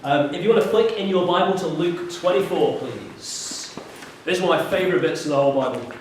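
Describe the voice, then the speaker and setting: Lively male youth worker teaching from the Bible, voice on the high side, booming hall echo from a distant mic. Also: a little fast, a little hiss or hum. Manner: lively, animated storytelling. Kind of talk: talk with Bible reading.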